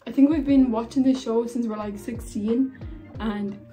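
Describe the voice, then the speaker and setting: A woman's voice: fairly high pitch, steady tone, normal speed, mellow, soft background music. A woman in her twenties casually gossiping and giving opinions in a reaction vlog. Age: 20s. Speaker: reaction vlogger.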